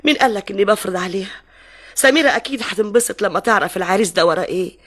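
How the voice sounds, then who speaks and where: Casting: actress as a persuasive middle-aged Egyptian mother, husky and quick. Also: mid-range voice, fairly bright tone, lightly acted. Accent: Egyptian Arabic. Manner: persuasive, insistent. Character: scheming middle-aged mother pushing a match. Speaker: bride's mother. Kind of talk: classic film acting.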